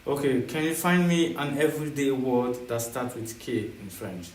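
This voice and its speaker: A man's voice: medium pitch, normal speed. Impatient guy talking kinda far from the mic, echoey room, faint background noise. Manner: blunt, impatient, casual. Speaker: learner quizzing an AI. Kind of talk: casual chat.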